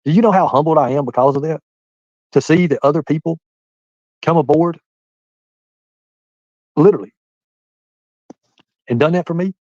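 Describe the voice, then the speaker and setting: A man's voice: on the high side, normal speed, pauses often, darkish tone, dry recording, muffled recording. A man in his forties chatting on a live stream, rambling and talking straight to his viewers by name. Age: 40s. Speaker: livestreamer reading chat. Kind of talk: casual live-stream chat.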